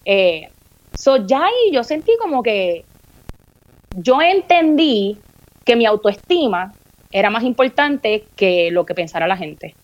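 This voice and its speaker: A woman with a Puerto Rican accent, telling personal stories in a candid, animated way in a casual podcast conversation. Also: on the high side, slow, highs cut off. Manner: candid, animated storytelling with playful mimicry and swearing. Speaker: guest.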